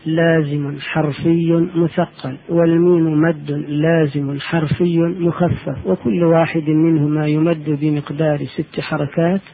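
A man giving a religious lesson on Quran recitation, explaining slowly and chanting the letters in drawn-out tones. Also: fairly high pitch, vocal fry. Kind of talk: religious lecture. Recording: tinny phone-like lo-fi audio.

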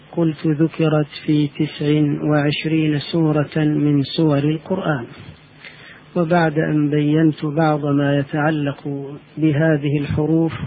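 A man giving a religious lesson on Quran recitation, explaining slowly and chanting the letters in drawn-out tones. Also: fairly high pitch. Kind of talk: religious lecture. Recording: tinny phone-like lo-fi audio.

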